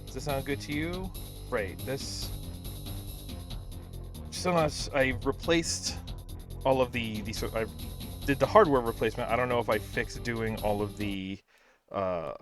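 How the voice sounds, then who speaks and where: A man's voice: mid-range voice, a little slow, pauses often, over music. Tired, rambling man streaming games. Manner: rambling, self-deprecating, many fillers. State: tired, out of breath. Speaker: streamer host. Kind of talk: casual livestream chat.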